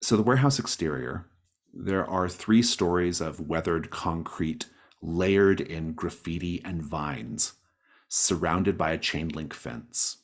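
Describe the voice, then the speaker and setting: Speaking slowly in a deep voice, a male game master narrates a tabletop roleplaying game, reading rules in a conversational way. He guides the players by asking them encouraging questions.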